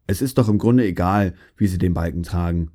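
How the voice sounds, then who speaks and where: A man voicing a grumpy, fault-finding master craftsman who scolds everyone, speaking low and scornfully. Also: brisk, mellow. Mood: grumbling. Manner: grumbling, scornful.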